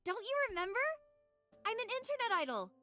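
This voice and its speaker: A woman's voice: very high-pitched, big pitch swings, brisk, bright, forceful tone, soft background music, voice pushed up, exaggerated voice. A woman voicing a bubbly young female internet idol who talks in a perky, singsong, playful way.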